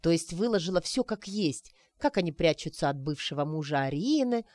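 Woman reading a story, slightly low. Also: expressive, brisk, darkish tone, no room sound. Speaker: audiobook reader. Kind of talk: scripted narration.

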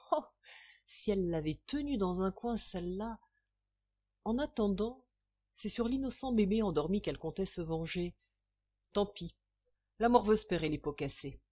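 A woman narrating an old French novel in a measured, expressive storytelling manner. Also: fairly low pitch. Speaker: audiobook reader. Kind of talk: scripted narration.

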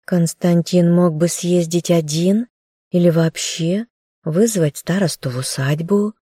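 A haughty noble aunt grumbles with squeamish disdain, as a woman narrator reads her lines. The voice is mellow and warm, recorded dry and close for an audiobook. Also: lowish voice, measured pace, breathy edge, no echo. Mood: disdainful.

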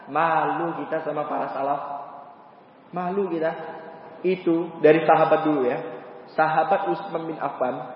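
A man's voice: on the high side, normal speed, long pauses. A man preaching a sermon, telling stories with acted voices and rhetorical questions. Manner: animated storytelling, acts out voices, rhetorical questions. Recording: echoey hall, distant mic, dull sound.

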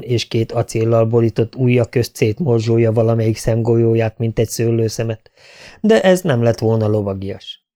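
A man narrating a fantasy story as an audiobook reader, measured and steady. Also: medium pitch. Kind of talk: scripted narration.

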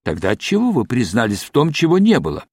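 A man voicing a calm intelligence officer who asks measured, probing questions, read as an audiobook. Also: mid-range voice, dry recording, clean studio sound. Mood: pressing. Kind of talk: audiobook reading.

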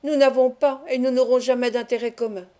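A woman's voice: high-pitched, fairly even intonation, brisk, warm tone, lightly acted. A woman reading the part of a menacing man forcing a young woman toward marriage, cold and threatening. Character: menacing villainous man pressing a forced marriage.

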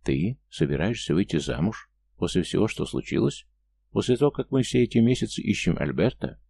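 A man's voice: on the low side, sing-song, a little fast, vocal fry, dark tone, slight background noise. A man reading an audiobook, voicing an indignant young woman who speaks reproachfully.

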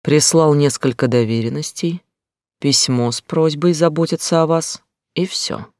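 Man doing a tired guarded brother, flat subdued voice, audiobook, dry sound. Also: fairly high pitch, measured pace, no room sound. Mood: weary. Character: weary, guarded older brother.

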